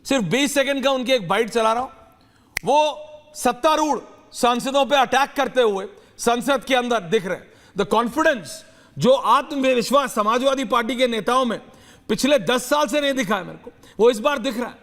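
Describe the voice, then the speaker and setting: High-voiced male debate anchor. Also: moderate pace, a bit bright, big-room sound. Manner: mixes English phrases, emphatic. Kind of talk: TV debate hosting.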